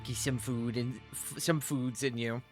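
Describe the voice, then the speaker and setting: A man's voice: medium pitch, steady tone, a little slow, soft background music. A man acting as game master, narrating a tabletop game in a casual, improvised way with informal banter.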